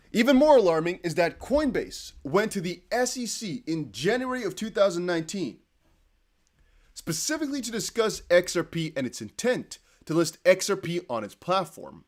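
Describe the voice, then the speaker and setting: Hosting a crypto livestream, this young man, a native Dutch speaker, chats loosely, corrects himself as he goes, and reads out comments from viewers. He speaks at a moderate pace in a high, very animated voice.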